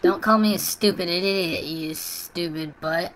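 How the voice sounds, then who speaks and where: Guy on a voice changer doing an annoying little kid on xbox chat, bright sharp tone, crude and taunting. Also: sits high, a little slow, slight background noise, poor audio. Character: obnoxious trash-talking little kid gamer. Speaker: prank gaming video host. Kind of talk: trolling voice chat during an online game.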